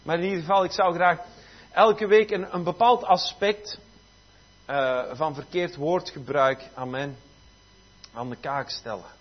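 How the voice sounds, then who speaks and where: Man, preaching, husky, muffled lo-fi sound, emphatic with hallelujahs. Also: a little high, unhurried. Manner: emphatic, sprinkles amen and halleluja. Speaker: pastor. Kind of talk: sermon. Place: church service. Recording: dull lo-fi recording.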